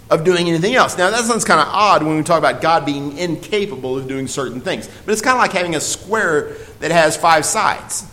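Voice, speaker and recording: A man with a high-pitched voice leads a Bible lesson. He speaks earnestly and presses his points hard, with frequent fillers and restarts. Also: a bit bright, low-quality recording. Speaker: Bible teacher. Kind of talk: Bible study teaching.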